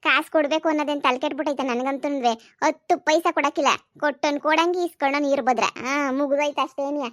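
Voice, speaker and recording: A woman's voice: high voice, steady tone, no room sound, clean studio sound, natural voice. A woman voicing a stubborn, election-obsessed mother in a cartoon comedy, scolding and grumbling. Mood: defiant. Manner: scolding, grumbling, fast and defiant.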